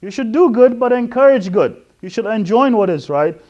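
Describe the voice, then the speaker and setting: A middle-aged man from West Africa with a fairly high speaking voice gives an introductory talk on faith. He explains earnestly and patiently, stopping often to hesitate and restart his sentences. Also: animated, normal speed, darkish tone, highs cut off. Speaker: Islamic lecturer.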